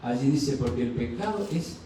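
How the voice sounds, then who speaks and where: Man, pastor, sermon, asks the congregation questions, acts out dialogues, mellow tone, echoey church, distant mic. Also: mid-range voice, animated, moderate pace, slight background noise. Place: church sanctuary.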